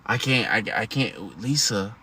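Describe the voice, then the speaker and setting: A man's voice: on the low side, big pitch swings, unhurried, pushed and bright, slight background noise. A man in his thirties hosting a casual livestream, talking to viewers in a slangy, emphatic, chatty way. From United States. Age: 30s. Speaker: livestream host.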